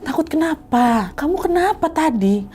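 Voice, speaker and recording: A woman's voice: high voice, lively intonation, moderate pace, darkish tone, a little hiss or hum, pitched above the performer's own voice. A woman voicing a confused, worried young husband firing off puzzled questions.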